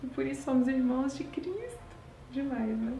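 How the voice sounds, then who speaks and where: Woman leading an expressive Bible study. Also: high voice, moderate pace, a little hiss or hum. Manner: expressive, exclamatory asides to listeners. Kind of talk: devotional Bible reading with commentary. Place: home at night. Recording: roomy, distant mic, faint ambience.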